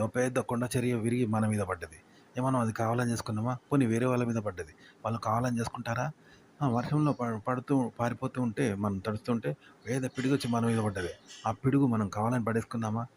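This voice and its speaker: A man's voice: medium pitch, fast talker, darkish tone, slight background noise. A man explaining tips in a talk to camera, repeating himself and asking rhetorical questions. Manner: repetitive, full of rhetorical questions. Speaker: YouTube tips instructor.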